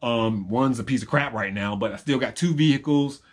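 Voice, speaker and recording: A man's voice: medium pitch, normal speed. A young man in a rambling, reflective personal monologue to camera, full of ums and repeated phrases. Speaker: vlogger.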